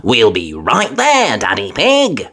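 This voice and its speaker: A woman's voice: a bass voice, huge pitch swings, slow, a bit bright, exaggerated voice. Storybook lady rabbit fire chief, played by a woman: upbeat, capable, very varied intonation. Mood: can-do. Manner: upbeat, can-do, clear announcing. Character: brisk, capable grown-up female rabbit firefighter.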